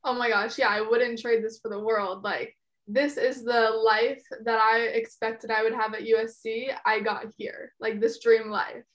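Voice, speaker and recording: Casting: young woman, 18, college student guest, bubbly, slightly high voice. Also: level tone, measured pace, a bit bright. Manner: bubbly, says "like" a lot. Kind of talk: casual chat.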